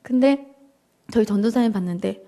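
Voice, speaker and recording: A woman giving an emotional, animated church testimony to a congregation, acting out her prayers and joking with the audience. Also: mid-range voice, normal speed. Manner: addresses the audience directly and jokingly. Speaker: guest speaker giving a personal testimony.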